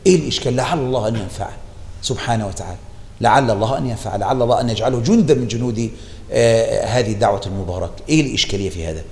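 A man with an Egyptian Arabic accent gives an animated religious lesson on a classical text, repeating key phrases for emphasis. His gravelly, medium-pitched voice races along in a large hall.

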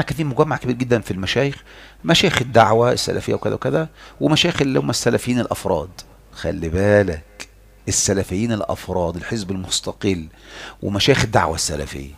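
Gravelly, animated Egyptian preacher man. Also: on the low side. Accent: Egyptian Arabic. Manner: animated and mocking, swings between loud and hushed. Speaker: religious lecturer. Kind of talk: heated religious lecture.

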